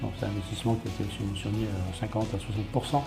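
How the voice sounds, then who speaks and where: With guitar music under an echoey, roomy recording, a town mayor gives a matter-of-fact interview, running through points and repeatedly rephrasing. He has a creaky voice on the low side, racing delivery, and fairly even intonation.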